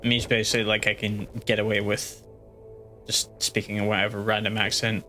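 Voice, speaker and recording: A man's voice: lowish voice, completely flat delivery, fairly quick, sharp tone, soft background music. A man streaming a game live, chatting casually and rambling with lots of restarts. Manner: rambling, full of fillers and restarts. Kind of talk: casual gaming livestream chat.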